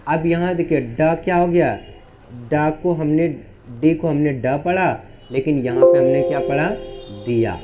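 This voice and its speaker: A man teaching English phonics in a lesson, asking the class questions and answering them himself, spelling letters out slowly. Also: a little high, over music.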